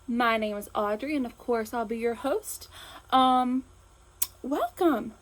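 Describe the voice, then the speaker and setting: Chatty enthusiastic woman host, slightly high. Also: slow, poor audio. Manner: enthusiastic, chatty, frequent fillers. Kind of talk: casual chat to camera.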